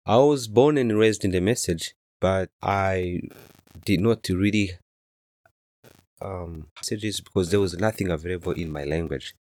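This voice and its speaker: Soft-spoken Rwandan man, very deep. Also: unhurried, no echo, studio quality. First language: Kinyarwanda. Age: 30s. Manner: soft-spoken, hesitant, many fillers. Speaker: interview guest. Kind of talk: casual interview answers.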